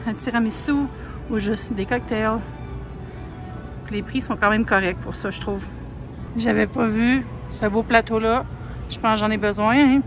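A chatty Québécois vlogger narrates her shop-with-me trip indoors through a large grocery store, filming on a handheld phone camera. Her fairly high voice is full of fillers and soft asides, with faint store music behind it. The recording is rough.

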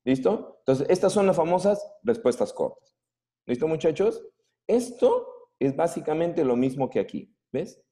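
A man teaches a grammar lesson in a warm, mellow voice. His pitch climbs and drops a lot as he explains. He is patient and keeps checking that the class is following. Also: big pitch swings, a little slow. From Peru. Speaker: English teacher.

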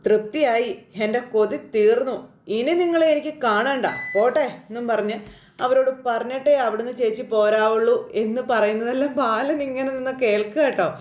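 Kerala woman, casual serial-recap narrator, quick chatty delivery, higher voice, echoey room. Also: steady tone, a little mellow. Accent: Kerala Malayalam. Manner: informal, lots of fillers and "kēṭṭō" tags. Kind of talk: casual spoken retelling of a TV serial episode.

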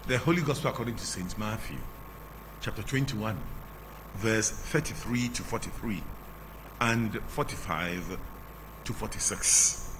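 A middle-aged canon with a Ghanaian English accent and a lowish voice reads the gospel and preaches from the altar of a large church sanctuary. Wearing a face mask, he speaks into a lectern microphone in measured, drawn-out phrases that fall at the ends, and long church reverb and a faint hum fill the recording.

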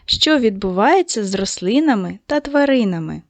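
A woman teacher giving a video lesson to second graders, speaking slowly and patiently and addressing the children directly. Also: medium pitch, expressive, dry recording. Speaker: primary school teacher.

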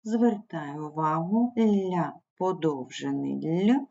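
A woman's voice: sits low, slow pace, gravelly, mellow, dull audio. A woman teacher giving a primary school language lesson, patiently spelling out sounds and syllables. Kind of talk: slow explanatory online lesson.

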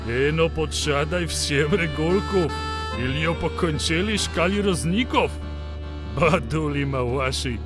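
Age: adult. Sex: man. Figure: a man voicing a brisk border guard, with music under him. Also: fairly high pitch, natural voice.

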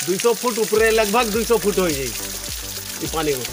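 A man's voice: high voice, animated, a little slow, music in the background. A young man talking enthusiastically about the scenery at a waterfall while a friend films him on a phone outdoors. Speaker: friend on the hike. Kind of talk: casual outdoor chat.

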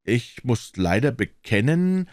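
A man's voice: medium pitch, very animated, slow, no room sound, clean studio sound. A man voicing a polite, bewildered young male visitor who speaks hesitantly and deferentially.

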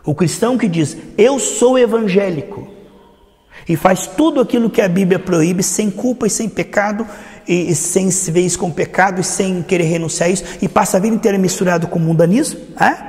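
A man with a high-pitched voice preaches to his congregation as their pastor. He plays out little back-and-forth scenes to drive home each point. His voice rings with the long reverb of a church hall. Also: brisk, a little mellow. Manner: preaching with acted-out dialogues. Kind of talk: sermon.

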